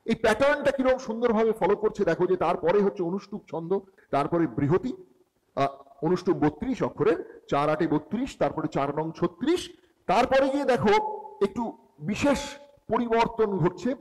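Brief: middle-aged male teacher, high voice, patient step-by-step lecture, long hall reverb. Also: animated, normal speed, a little mellow. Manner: explains step by step, addressing students directly. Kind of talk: classroom lecture.

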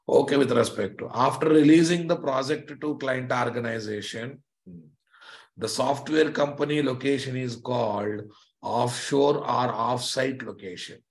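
A middle-aged man with a Telugu Indian accent teaches a live online technical class, speaking emphatically, repeating points and checking with rhetorical questions. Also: mid-range voice. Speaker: software trainer.

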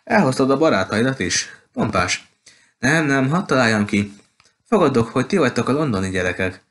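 A man's voice: medium pitch, sing-song, a bit bright. A man voicing a talkative, gushing petite woman who runs a bookshop, in an audiobook. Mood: chatty. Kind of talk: audiobook character voice.

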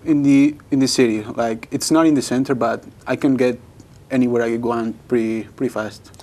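Young Spanish-accented man, halting. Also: medium pitch, expressive, vocal fry, a little mellow. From Spain. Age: young adult. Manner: brief, halting answers. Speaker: exchange student. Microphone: lapel mic.

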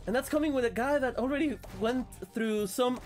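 A sick man streaming a video game, excitable and swearing as he plays. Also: extremely high pitch, fairly quick, faint music behind. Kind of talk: casual gameplay commentary.

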